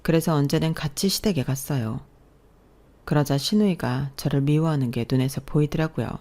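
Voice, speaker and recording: A woman's voice: low voice, brisk, dark tone. Woman narrating a confiding radio story. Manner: confiding, plaintive. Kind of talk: scripted first-person story narration.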